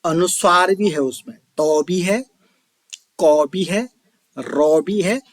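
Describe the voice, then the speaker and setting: A man's voice: sits high, no room sound. A man teaching a Sanskrit verse in a lesson video, calling his listeners children and asking and answering his own questions. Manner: chants verses slowly. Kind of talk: classroom explanation video.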